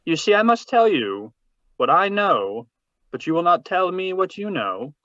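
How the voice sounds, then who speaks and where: A man's voice: high voice, big pitch swings, fairly bright tone, no echo, heavily acted. Radio noir villain, man acting: portly, genial, verbose schemer, formal diction, dry lo-fi call audio. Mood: shrewd, bargaining. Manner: florid, formal, deliberate, genial. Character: jovial, shrewd, verbose fat male crime boss. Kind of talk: 1940s radio drama read-through. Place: video call read-through.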